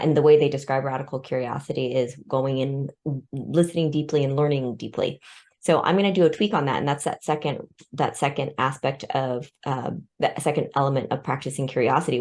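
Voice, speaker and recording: A woman's voice: extremely low pitch, a little mellow. A woman born in Vietnam and raised in the United States, a guest in an interview, explaining her ideas through studies and personal stories with light laughter. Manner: light laughs between points. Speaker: guest expert on respect. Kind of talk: conversational interview.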